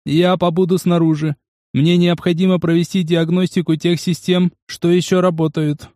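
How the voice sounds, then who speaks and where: A man's voice: high voice, moderate pace, no echo, studio quality, pitched above the performer's own voice, natural voice. A man voicing a battered male combat robot with a metallic, unemotional voice in an audiobook. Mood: impassive. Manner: flat, unemotional delivery. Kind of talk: audiobook narration.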